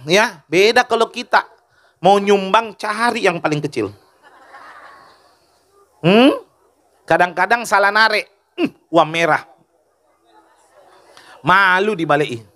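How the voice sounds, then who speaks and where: A man's voice: high-pitched, lively intonation, takes it slowly, long pauses, sharp tone. A male preacher giving a humorous sermon, joking with the audience and asking them questions.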